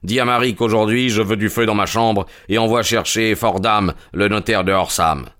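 A man reading the lines of a grim, frightened older colonel in an audiobook, gruff and solemn. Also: lowish voice, steady tone, normal speed, a bit bright, lightly acted.

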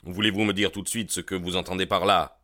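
A man's voice: deep voice, measured pace, bright, forceful tone, clear, resonant tone. A man reading a defiant, touchy young tough. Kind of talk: audiobook character reading.

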